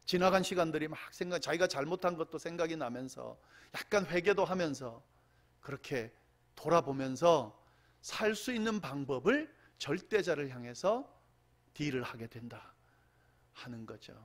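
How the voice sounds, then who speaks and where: Male pastor mid-sermon, animated, voice swoops up on quotes and falls away at line ends. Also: on the high side, normal speed. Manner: animated preaching, voice rising on quoted cries and dropping at line ends.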